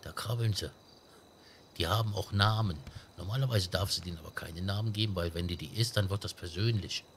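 A man's voice: low voice, fairly quick, a little hiss or hum. A man chatting in a game roleplay, joking and teasing bluntly. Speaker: streamer playing a roleplay character. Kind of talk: casual in-game roleplay chat.

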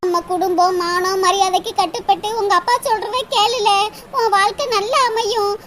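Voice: very high-pitched, flat delivery, normal speed, crowd noise. A voice actor playing a worried village mother who scolds and pleads with her son, with a Tirunelveli Tamil accent. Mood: pleading. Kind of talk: amateur cartoon voice acting.

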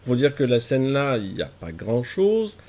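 His voice sits in the mid range, warm, with pitch that swoops wildly at a normal speed. This man in his thirties is congested from a cold and chats casually to his stream from his gaming chair at home, mocking himself as he fixes tech problems between games.

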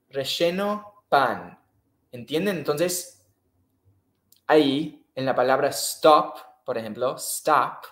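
A man's voice: a little high, reverberant. A man teaching English in a live online class, patiently repeating and checking in with the students. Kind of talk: live-streamed online lesson.

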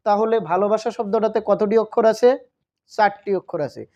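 Speaking briskly in a high, mellow, steady voice, a Bangladeshi man teaches grammar in a recorded video lesson. He poses questions only to answer them himself and keeps repeating the main points, all on a dull, lo-fi recording.

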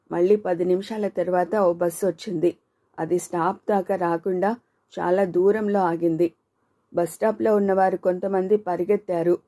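A woman narrating an audio novel in steady, measured scripted storytelling. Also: on the low side.

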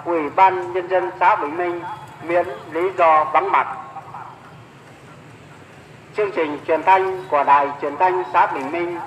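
A man reading an official announcement as a local radio announcer, formal and measured as he reads out names and places. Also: high-pitched, fairly even intonation, fairly bright tone, reverberant, a little hiss or hum, poor audio. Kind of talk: official public announcement read aloud.

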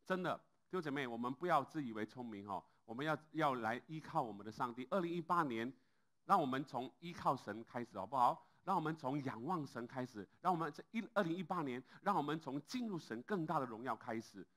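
A male pastor preaching a sermon in an animated way, with many filler sounds and rising exclamations. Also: medium pitch, brisk.

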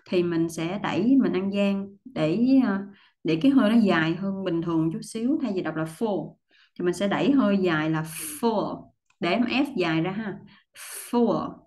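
A woman teaching English pronunciation, explaining patiently step by step and repeating model words, often clearing her throat. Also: mid-range voice, darkish tone. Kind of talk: pronunciation lesson.

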